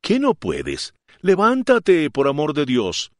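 A man voicing a kind, gentle young lady in an audiobook, speaking in a pleading, anxious way. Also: mid-range voice, wildly swooping pitch, slow pace, no echo, studio quality, voice pushed up, full character voice. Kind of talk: audiobook character reading.

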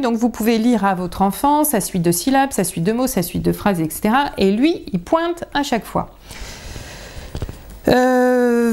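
A woman from France, a teacher and coach, explaining reading tips to parents in a chatty video lesson, with many filler pauses. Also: on the high side, dark tone.

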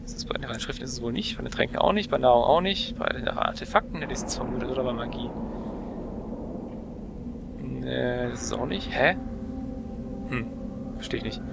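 A young man doing casual let's play commentary. His medium-pitched voice has a noticeable creak. He thinks aloud, with game noise clearly behind him. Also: normal speed, long pauses. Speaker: let's player.

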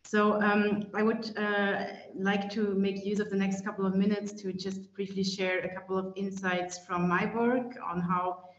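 A woman's voice: medium pitch, level tone, unhurried, hardly any pauses. A woman climate expert giving a webinar presentation over a video call, speaking hesitantly with many fillers and restarts. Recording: echoey, dull-sounding video call audio.

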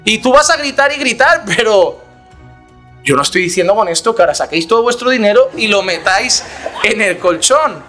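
High, bright-voiced man preaching. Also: a little fast, faint music behind. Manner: animated, acts out quoted voices, rhetorical questions. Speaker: pastor. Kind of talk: sermon.

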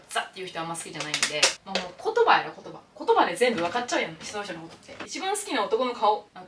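A woman's voice: lowish voice, fairly bright tone, a little hiss or hum. A young woman with a Kansai Japanese accent, chatting playfully through viewer questions in a vlog. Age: young adult. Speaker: YouTuber. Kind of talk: casual Q&A vlog. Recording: music playing underneath.

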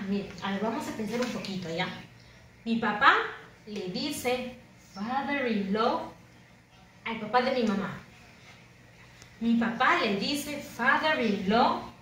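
A woman teacher, her voice bright and fairly high, speaking very slowly as she stretches out each word for children to repeat. She heaps on encouraging praise. The recording is roomy and a little distant, with faint ambience behind her. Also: slight background noise. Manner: slow, drawn-out model words for children to repeat; switches between English and Spanish, encouraging praise. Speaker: primary school English teacher. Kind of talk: bilingual classroom lesson to camera.

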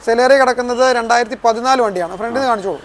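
A man with a very high voice and a Kerala Malayalam accent rattles through a casual car sales pitch. He mixes English words freely into his Malayalam and talks extremely fast. There is faint vehicle noise outdoors behind him. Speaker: used car dealer.

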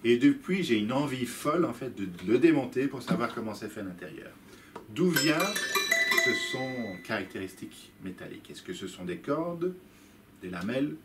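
A French YouTube musician with an expressive, mid-range voice talks to the camera at normal speed while taking apart a toy instrument. He's casual and curious, thinking aloud, and the recording has loud background noise and clicks.

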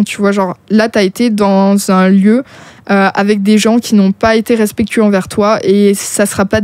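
A woman's voice: medium pitch, darkish tone, no room sound. A woman hosting a podcast, talking casually and reassuringly as she addresses a listener directly and gives advice. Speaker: podcast host.

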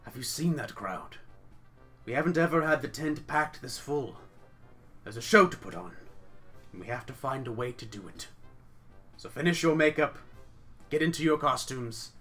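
A man voicing a thin, frail old circus veteran with a weak voice, briskly urging others on. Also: medium pitch, animated, fairly bright tone, soft background music, close to an everyday voice.

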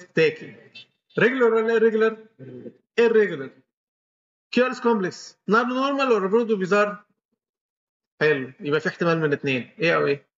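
Male lecturer, Egyptian accent, rapid step-by-step quizzing, dull lo-fi recording. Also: high-pitched, a bit bright. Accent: Egyptian Arabic. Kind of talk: medical lecture with questions to students.

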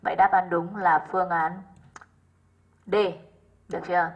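A woman's voice: lowish voice, flat delivery, unhurried, slightly rough, lo-fi sound. A woman English teacher going over exercise answers with her pupils, often checking in with rhetorical questions.

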